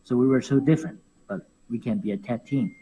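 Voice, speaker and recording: Fairly quick and mid-range in voice, a Hong Kong professional wrestler chats casually as an interview guest. He's animated, laughs a lot, and repeats words when searching for how to put things. Light background noise accompanies a low-quality recording.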